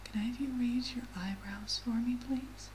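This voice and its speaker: A woman in a soft, breathy whispered role-play as a medical examiner, giving gentle, reassuring instructions. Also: fairly high pitch, normal speed. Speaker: ASMR performer playing a medical examiner. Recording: clearly audible background noise.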